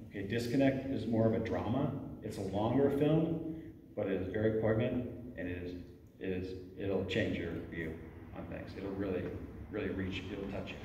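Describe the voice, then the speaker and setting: A man's voice: fairly low pitch, mellow, a little hiss or hum. A man who directs youth ministry gives earnest advice to parents, often checking in with "okay?" and "right?". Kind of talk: talk to parents. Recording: echoey hall from far off.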